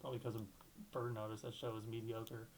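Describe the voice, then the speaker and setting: A man's voice: fairly low pitch, level tone, fairly quick, darkish tone, slight background noise, poor audio. A young man hosting a solo basketball talk show, rambling and thinking aloud, restarting sentences and swearing casually.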